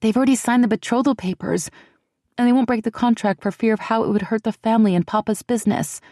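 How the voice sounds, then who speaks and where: A woman narrator voices an earnest, steady young woman with a dark, mellow tone, pitching her slightly above her own usual register. The character talks fast, firmly and earnestly, with only light acting. The recording is dry and close, with no echo.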